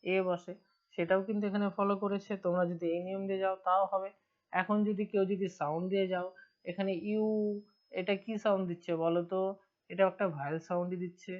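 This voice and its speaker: A woman's voice: medium pitch, fairly even intonation, quick pace. A woman with a Bengali accent teaching English grammar in an online lesson, asking her students questions and answering them herself. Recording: dull lo-fi recording.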